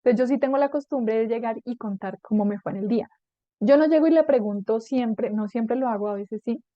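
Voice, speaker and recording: A woman's voice: on the high side, dry recording, dull audio. A middle-aged woman, hosting a parenting podcast and acting out little dialogues as she gives advice. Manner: talkative, acts out dialogues in quick voices. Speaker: podcast host and parenting coach. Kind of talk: podcast talk giving advice.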